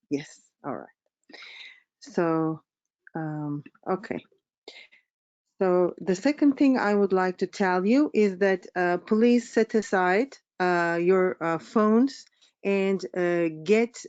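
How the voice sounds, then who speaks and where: A woman's voice: lowish voice, darkish tone, clean tone, no echo, lo-fi sound. A middle-aged woman from Turkey with a Turkish accent, giving a webinar presentation as a business coach, hesitant with many fillers.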